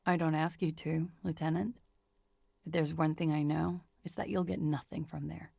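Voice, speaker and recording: An actress voicing a frightened, guarded young woman who speaks in a measured, weary confessional manner in a video game. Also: low-pitched, little pitch movement, vocal fry, a little mellow, slightly rough, no room sound, exaggerated voice.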